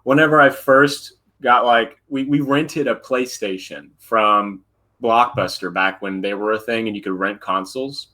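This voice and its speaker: A man's voice: on the low side, measured pace, bright, forceful tone, poor audio. Guy in his 30s co-hosting a podcast, rambly chill storyteller. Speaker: podcast co-host. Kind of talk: casual chat.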